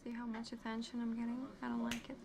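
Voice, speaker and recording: Woman dealing cards live, playful scolding, pretty flat voice, lots of noise behind. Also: on the high side, fast, creaky. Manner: non-native English, playful scolding. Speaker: live casino dealer. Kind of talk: casual chat on a live stream. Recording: loud background noise.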